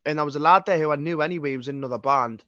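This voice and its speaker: A man's voice: a little high, very fast, sharp tone, no room sound. Young man, Geordie accent, casual rambling chat, swears a lot, muffled dry sound. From Northeast England. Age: 20s. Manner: sweary, rambling, many restarts. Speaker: guest singer-songwriter. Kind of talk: casual podcast interview.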